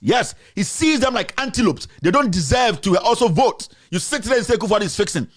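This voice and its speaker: Ghanaian guy hosting, high voice, fiery heated rant, keeps asking the same question over and over. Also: sing-song, fairly quick. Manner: fiery, accusatory, repeats rhetorical questions. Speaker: host.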